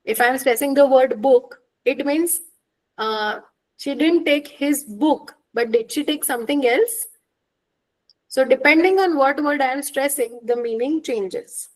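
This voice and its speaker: A woman with a high voice teaches an online exam-prep lecture, working through examples and asking quick questions to check understanding. The recording quality is poor.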